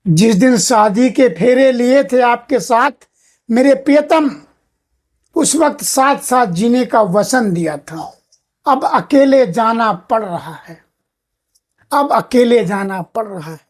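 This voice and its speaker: A woman voicing the soul of an older wife saying a slow, repeated farewell to her husband in an emotional moral monologue. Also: a little high, lively intonation. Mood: tender pleading. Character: departing soul of an older wife, tender, pleading.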